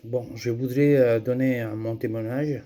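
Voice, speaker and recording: A man's voice: medium pitch, steady tone, normal speed. A middle-aged man from Andalusia with a Spanish accent, speaking French as a second language and giving a personal testimony, hesitant with many fillers and restarts. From Andalusia, Spain. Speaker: testimony giver.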